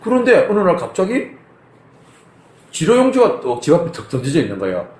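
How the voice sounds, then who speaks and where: A male pastor preaches in a church sanctuary, his fairly high voice swinging up and down as he tells a story from his own life. He acts out the people in it with lively energy. The sound rings around an echoey hall. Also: fairly quick. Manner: animated storytelling, acts out phone arguments. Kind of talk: sermon with personal story.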